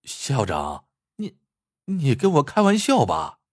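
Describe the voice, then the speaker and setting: A man's voice: medium pitch, wildly swooping pitch, slow, husky, no room sound, clean studio sound, heavily acted. A man voicing a humble, flustered middle-aged male popcorn vendor who stammers and hesitates. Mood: anxious.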